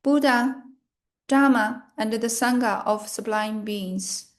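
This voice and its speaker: Solemn and measured, a fairly high-pitched woman guides listeners through meditation and prayer recitation. She speaks in brief phrases and leaves long pauses between them.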